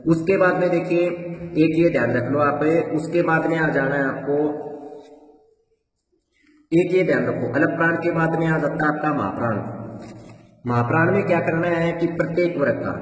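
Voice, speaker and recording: A man's voice: a little high, normal speed, long pauses, a little hiss or hum. Man teaching in an echoey room. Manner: explains step by step, repeats points, addresses students as brother. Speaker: exam prep teacher. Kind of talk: Hindi grammar lesson. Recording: echoey room, distant mic.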